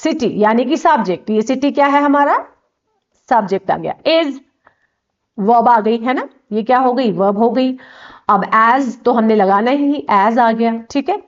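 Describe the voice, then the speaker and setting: A woman's voice: on the high side, lively intonation, unhurried, muffled recording. A woman teaching an English grammar lesson from slides, explaining step by step and often checking in with "okay".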